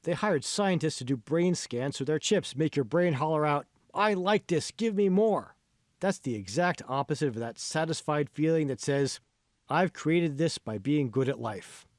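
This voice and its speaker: A man playing an earnest mentor lectures with emphatic, instructive force, his pitch swinging in lively arcs at a moderate pace. The audiobook recording is close and dry with no echo, and the acting is light, the mood emphatic and lecturing.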